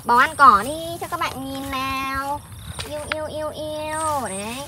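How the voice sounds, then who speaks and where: A woman hosting a playful vlog outdoors in a farm field, chatty and excited, often calling out to her viewers. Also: high voice, normal speed. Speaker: vlog host. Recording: noisy outdoor recording.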